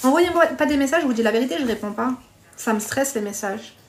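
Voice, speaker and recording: A woman's voice: high-pitched, expressive, quick pace, slight background noise. A woman hosting a live stream, chatting bluntly with viewers, reading their comments and giving dating advice while calling them pet names.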